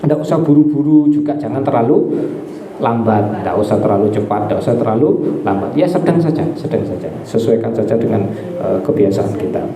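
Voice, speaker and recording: In an echoey hall full of listeners, an Islamic preacher with a medium-pitched voice speaks briskly and with animation. His conversational religious talk mixes stories, questions to the crowd and repeated key phrases, with crowd noise audible.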